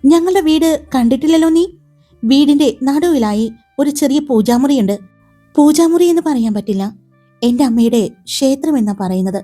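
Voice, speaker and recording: A woman's voice: sits high, lively intonation, moderate pace, warm tone, faint music behind. A woman reading the part of a teasing, protective young man in a romance story, playful and commanding.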